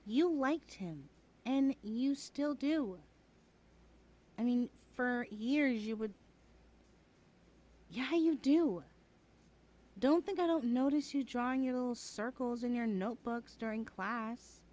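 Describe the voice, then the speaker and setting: A voice actor performs a one-sided ASMR roleplay as a chatty, teasing young adult best friend, sounding coaxing, teasing and a bit hesitant. Her voice is fairly high and mellow, slow, with long pauses.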